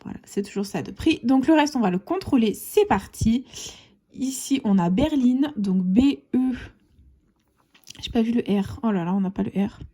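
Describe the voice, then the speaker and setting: A woman's voice: on the high side, animated, moderate pace, mellow. A woman hosting a casual video, scratching lottery tickets and chatting to her viewers as friends, sometimes dropping to a half-whisper. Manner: chatty, addresses viewers as "les copains". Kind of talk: casual scratch-card commentary.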